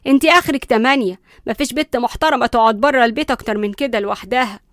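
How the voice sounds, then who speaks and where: A woman's voice: a little high, racing, dry recording, clean studio sound, lightly acted. A woman voicing a fierce, bossy old grandmother with an Egyptian accent, scolding and threatening with sarcasm.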